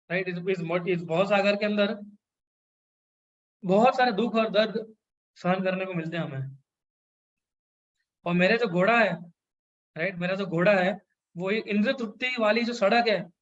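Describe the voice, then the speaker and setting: A man giving a devotional scripture lecture, chanting Sanskrit verses slowly and mixing in English phrases. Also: high-pitched, lo-fi sound. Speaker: devotional speaker.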